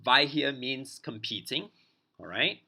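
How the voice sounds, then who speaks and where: A male teacher walks learners through spelling rules at a very unhurried pace. His voice is bright and forward, and he says each example word deliberately, often twice, spelling out letters one at a time. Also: mid-range voice, animated, vocal fry, husky. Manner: spells out letters and repeats words slowly for learners. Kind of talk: slow explanatory grammar lesson.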